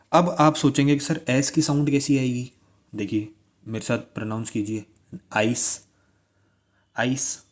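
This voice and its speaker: A man's voice: medium pitch, darkish tone. A man teaching shorthand strokes, repeating key words and asking listeners to pronounce along. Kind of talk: classroom-style tutorial.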